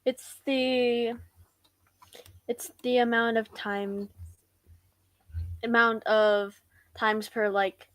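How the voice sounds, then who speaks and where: A woman's voice: on the high side, level tone, drawn-out words, long pauses, fairly bright tone. A woman taking part as a student in a live online lesson, answering casually with short replies.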